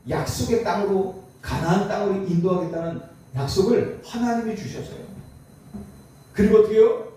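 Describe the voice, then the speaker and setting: Male pastor, high mellow voice, emphatic conversational preaching, distant mic in a very echoey church hall. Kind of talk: sermon. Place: church sanctuary.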